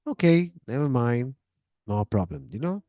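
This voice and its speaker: Male English teacher, casual and chatty, warm mellow tone, mid pitch. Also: a little slow, no room sound, studio quality. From Chile. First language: Spanish. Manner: chatty, relaxed, gives friendly advice with acted-out example dialogues. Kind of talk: casual spoken lesson.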